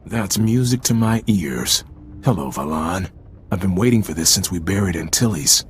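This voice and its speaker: An actor playing a confident, wry military officer in a video game. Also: male voice, sits low, expressive, moderate pace, slight background noise. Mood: wry, satisfied.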